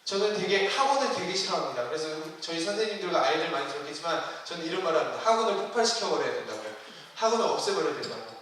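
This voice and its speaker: A man's voice: fairly high pitch, expressive, rapid-fire, few pauses, a bit bright, a little hiss or hum. A man preaching a sermon to his church in a conversational way, asking the congregation questions. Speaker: youth ministry preacher. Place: church sanctuary. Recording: roomy hall, distant mic.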